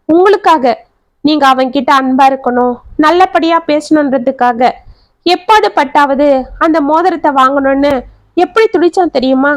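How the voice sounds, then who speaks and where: A woman reads a domestic drama aloud in a high, clear voice. She voices each character herself, lifting her tone for the emotional lines. The recording is dry and close. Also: dry recording. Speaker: storyteller. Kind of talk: scripted story narration with dialogue.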